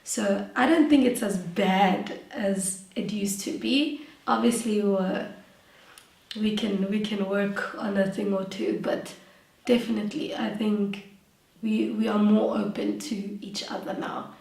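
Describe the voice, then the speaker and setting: A young woman with a South African accent, answering interview questions in a soft, hesitant, giggly way with many ums. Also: mid-range voice, fairly even intonation, a little slow, vocal fry. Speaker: interviewee, nail tech. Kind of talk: casual interview. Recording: echoey room, voice from a distance.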